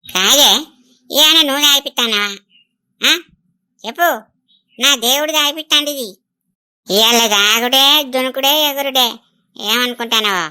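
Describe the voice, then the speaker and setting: A woman's voice: high voice, moderate pace, long pauses, sharp tone, smooth. A woman voicing a tipsy, bossy old grandmother with a Telangana Telugu accent in a village comedy skit. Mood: brash. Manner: bossy, boisterous, sing-song when drunk.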